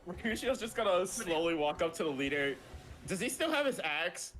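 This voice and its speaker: A man's voice: high-pitched, big pitch swings, moderate pace, fairly bright tone, faint music behind, poor audio. A man playing a tabletop game, casually narrating what his character does. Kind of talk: casual chat narrating own character's actions.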